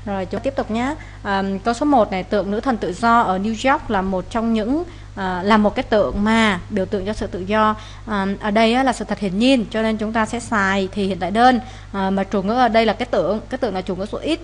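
A woman's voice: medium pitch, brisk, few pauses, slight background noise. A woman, teaching as she explains answers to an English test, with many "à" fillers. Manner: frequent "à" fillers, steady explaining.

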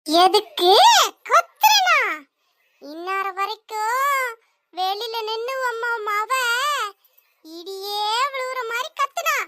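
A woman voicing a loud, nagging cartoon mother. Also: extremely high pitch, animated, slow, pauses often, a little hiss or hum, exaggerated voice. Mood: furious. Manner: shouting, scolding, sarcastic. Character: angry nagging village mother, loud and quick-tempered. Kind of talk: cartoon voice acting.

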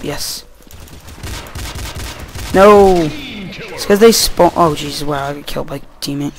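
A man's voice: a little high, creaky, slight background noise. A tired young man, rambling through casual gameplay commentary and swearing at the game, recorded at home on a computer mic. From Wales.

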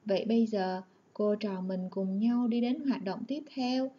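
A woman primary school teacher giving an online lesson, speaking clearly and instructively to young children. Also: medium pitch, measured pace, highs cut off.

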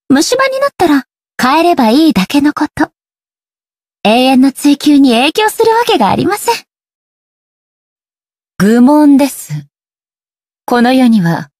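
An actress voicing a stern, ageless female shogun deity in a video game, speaking in a formal, measured, detached way. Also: high voice, darkish tone, no room sound, clean studio sound. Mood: matter-of-fact. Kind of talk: scripted video game character voice lines.

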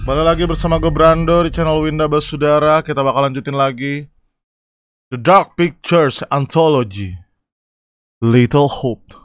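Excitable young man streaming a game. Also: fairly high pitch, normal speed, clean tone, no echo. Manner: excitable, chatty, reacts loudly to scares and reads chat aloud. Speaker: gaming streamer. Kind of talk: casual live game commentary.

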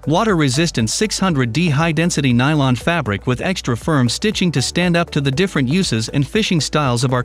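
A man reads a product buying guide as a scripted voice-over, with a fairly high, lively voice. He works through lists of features in a steady, advertising tone. Soft music plays under his voice. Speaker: product review narrator. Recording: faint background music under the voice.

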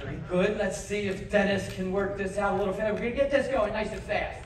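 A man with a high-pitched, fairly even voice talks fast over music as a stage juggler doing live comedy patter. In a large cruise-ship theater he jokes with and coaches audience volunteers, captured from far off with theater echo and audience sound.

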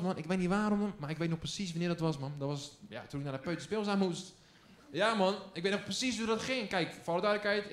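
A man doing a stand-up routine on a comedy stage, talking in streetwise slang and acting out his younger self. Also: a little high. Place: comedy stage before a live audience. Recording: roomy live theater with crowd.

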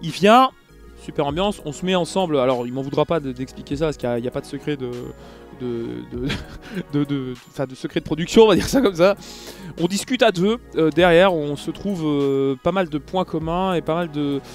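A man from France telling a casual vlog story, animated and full of fillers, acting out the people he talks to. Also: a little high, brisk, soft background music. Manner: animated, acts out dialogue, many fillers. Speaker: YouTuber recounting an event.

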